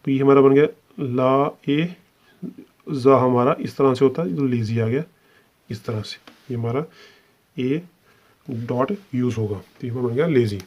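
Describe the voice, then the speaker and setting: A man's voice: medium pitch, measured pace, pauses often, a little mellow, muffled recording. A man teaching a shorthand lesson, explaining step by step and mixing English terms into his Hindi. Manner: explains step by step, repeats "ठीक है" often. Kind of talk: online lesson.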